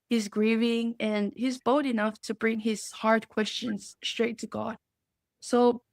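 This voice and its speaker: A young woman from Samoa speaks with a fairly high, clear voice, earnest and reflective as a podcast guest. The sound is close and dry, with no room echo. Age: young adult. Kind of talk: podcast interview.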